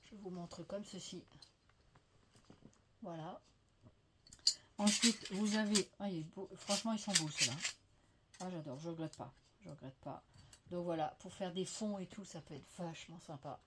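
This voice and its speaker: A French woman chats through a casual crafting haul vlog, gushing and filling her talk with fillers, her voice slightly veiled from a lingering cough. She speaks mid-range at a moderate pace, pausing often. Dishes clatter faintly in the background over a slight hiss or hum.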